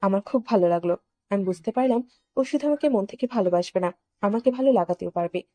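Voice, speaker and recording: A woman telling a first-person story in a steady, confessional narration. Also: medium pitch, fast talker, dry recording.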